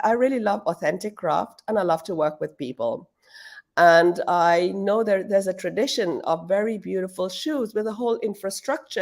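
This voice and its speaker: Gravelly low-voiced middle-aged woman from Pakistan. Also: a little mellow. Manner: thoughtful, with frequent fillers and restarts. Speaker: guest, shoe brand founder. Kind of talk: casual interview answers. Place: at home.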